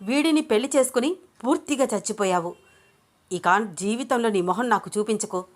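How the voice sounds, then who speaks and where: A woman voicing an enraged middle-aged father who shouts bitterly through tears. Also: medium pitch, steady tone, normal speed, lightly acted. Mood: furious grief.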